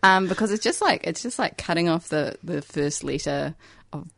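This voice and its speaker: A low, gravelly-voiced woman speaks on a radio chat show. Her delivery is earnest and emphatic, stretching words as she makes a point, with a dry, close studio sound. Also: expressive, a bit bright, no room sound. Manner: earnest, emphatic, slow in places. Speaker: radio co-host.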